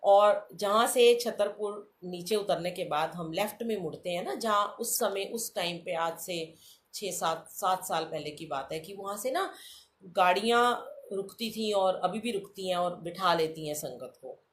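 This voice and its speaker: A woman's voice: lowish voice, unhurried, a little hiss or hum. Middle-aged woman telling a devotional story. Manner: repeatedly addresses listeners as sangat ji, acts out quoted dialogue. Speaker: devotee sharing a testimony.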